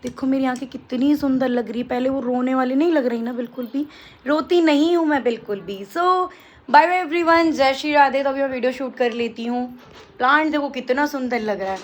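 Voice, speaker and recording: A young woman vlogging casually to camera, taunting and sarcastic as she answers critics. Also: high-pitched. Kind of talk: casual vlog monologue to camera.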